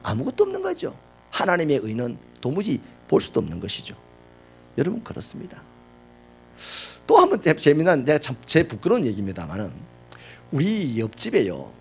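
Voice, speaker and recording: 감정 기복이 큰 목사님의 설교, 남성. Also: male voice, a little high, huge pitch swings, a little fast, creaky, breathy edge. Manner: dramatic storytelling, swings from loud outbursts to hushed asides. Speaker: pastor. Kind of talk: sermon.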